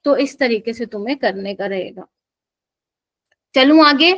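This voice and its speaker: A woman's voice: on the high side, lively intonation, measured pace, fairly bright tone, low-quality recording. A young woman teaching a live chemistry exam-prep class in Hindi mixed with English terms, quizzing students and often checking that they follow.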